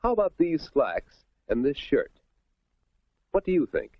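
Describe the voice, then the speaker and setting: A man's voice: a little high, wildly swooping pitch, a little slow, dry recording, highs cut off. An American man narrating a 1950s instructional film from a script, folksy and instructive, on a vintage soundtrack. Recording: thin, band-limited vintage film soundtrack.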